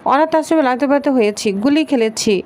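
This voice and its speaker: A woman's voice: high-pitched, a little fast, a little mellow, natural voice. A woman reading as a brash, hot-tempered young woman.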